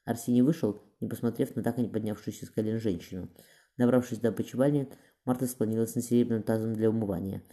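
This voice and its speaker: A male audiobook narrator reading a historical novel at a quick clip. His voice is dark and low in tone. He corrects small slips as he goes. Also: steady tone.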